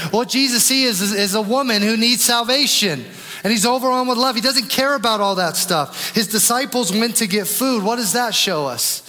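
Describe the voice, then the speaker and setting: A man preaching a sermon, swinging between raised, urgent emphasis and hushed low asides. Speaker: pastor. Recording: long hall reverb.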